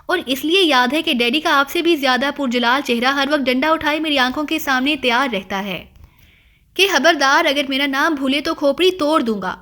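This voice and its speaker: A woman doing a joking young man in an audiobook drama, teasing with a straight, mock-serious delivery. The voice stays high and bright.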